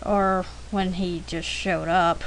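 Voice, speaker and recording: Talking slowly in a lowish voice with little pitch movement, this woman gives casual, anecdotal commentary while demonstrating a drawing. She's chatty and informal and keeps clearing her throat. Poor audio carries a little hiss or hum.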